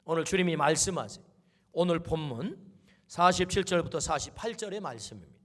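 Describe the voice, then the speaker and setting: A man's voice: fairly high pitch, lively intonation, brisk, fairly bright tone. A middle-aged male pastor delivering an exhorting sermon, calling the congregation to answer amen. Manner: exhorting, call-and-response with amen. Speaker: senior pastor.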